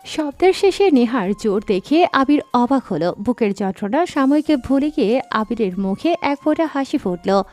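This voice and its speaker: A woman narrating a dramatic story in a scripted, expressive reading. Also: on the high side, normal speed. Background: faint background music.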